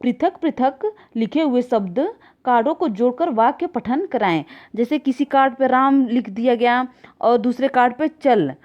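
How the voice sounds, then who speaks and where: A woman's voice: on the high side, measured pace, dull audio. A woman teacher reading out exam questions, each one twice, then explaining them with simple examples. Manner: addresses viewers as friends.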